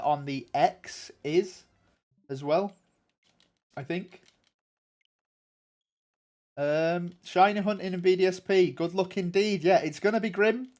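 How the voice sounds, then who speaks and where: A young man with a nasal voice chats casually with viewers on his game stream, answering them in a rambling, chatty way full of ums and restarts. His voice is high with a darkish tone.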